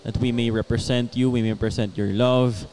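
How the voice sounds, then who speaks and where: A man's voice: mid-range voice, steady tone, moderate pace, over music. A man, a pastor, leading a spoken prayer after agreeing along through a casual discussion. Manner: affirms often, prays fluently. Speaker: pastor and host.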